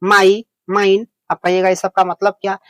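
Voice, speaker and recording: A man's voice: sits high, monotone, measured pace, dry recording. Patient, reassuring male English teacher. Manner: patient, repeats points, reassures learners often; plain homely way of explaining. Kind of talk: beginner lesson explained in Hindi.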